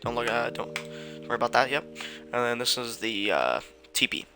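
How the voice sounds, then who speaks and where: A man's voice: mid-range voice, expressive, normal speed, over music. A young man casually walking through a gaming tutorial, rambling with lots of fillers and sounding out of breath. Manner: rambling, filler-heavy, informal. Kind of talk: casual screen-recorded tutorial.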